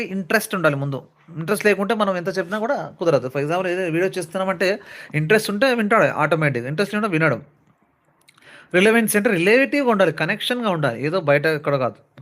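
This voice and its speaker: Male teacher, higher-pitched, lecture style, slow deliberate English readings, frequent check-ins. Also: a bit bright. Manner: explains in Telugu, reads English slowly and deliberately; checks in with "right" and "fine" often. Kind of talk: classroom lecture.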